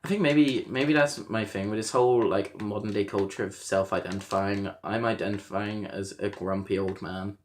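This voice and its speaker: A man's voice: fairly low pitch, moderate pace, hardly any pauses, a little hiss or hum. Laughing young man telling stories. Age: 20s. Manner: laughs often, animated storytelling. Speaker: podcast host. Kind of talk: casual chat.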